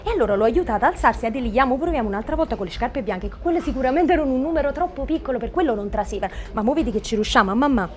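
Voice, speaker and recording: A woman's voice: a little high, racing, hardly any pauses, soft background music, natural voice. A woman playing a chatty mother. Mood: lively, fussing. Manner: lively, earthy, dialect-laced storytelling. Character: chatty southern mother of a weeping bride. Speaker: auditioning actress. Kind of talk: theatrical storytelling monologue.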